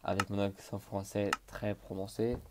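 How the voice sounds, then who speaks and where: A man's voice: lowish voice, little pitch movement, normal speed, background noise. A young man giving casual gameplay commentary, hesitant with many fillers, talking to himself and breaking into panicked exclamations. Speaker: gaming YouTuber.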